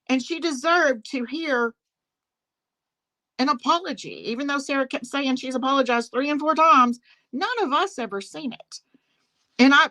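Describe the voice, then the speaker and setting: Captured roughly on a phone on speakerphone, a woman from the Southern United States hosts a casual drama-commentary live stream, repeating phrases with emphasis. Her voice sits high, bright and forceful.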